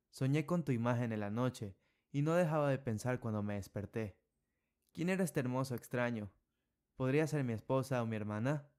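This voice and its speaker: A man's voice: medium pitch, a little mellow, clean tone, natural voice. Man playing a tender, emotional returning father.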